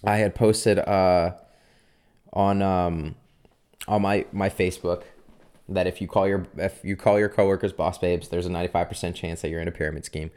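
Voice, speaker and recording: Young male co-host, lower register, halting anecdotal chat with a teasing edge. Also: fairly even intonation, a little mellow, smooth. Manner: rambling anecdotes, halting restarts, mocking. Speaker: podcast co-host. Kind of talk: casual storytelling chat.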